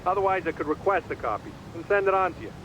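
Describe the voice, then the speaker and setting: Encouraging lawyer, game dialogue, higher-set voice, matter-of-fact, clear background rumble. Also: male voice, animated, fast, highs cut off. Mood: advising. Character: pragmatic, encouraging male lawyer. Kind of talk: video game voice acting.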